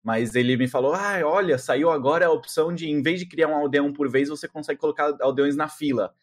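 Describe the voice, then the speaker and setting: A man's voice: fairly high pitch, fairly quick. A man from Argentina in his thirties, a native Spanish speaker, chatting casually as an interview guest, full of slang and repeated fillers. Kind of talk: casual chat.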